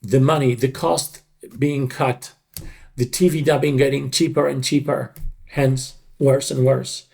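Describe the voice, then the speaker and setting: Speaking slowly in a level, darkish voice of medium pitch, an older dubbing director makes an emphatic case for his craft during an interview, repeating words to stress them. The voice is untrained, creaky and slightly tired.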